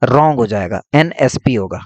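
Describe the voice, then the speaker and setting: A man's voice: medium pitch, lively intonation, moderate pace, a little mellow, no echo, highs cut off. A man teaching an English grammar lesson, explaining step by step and asking and answering his own questions while he writes on a board.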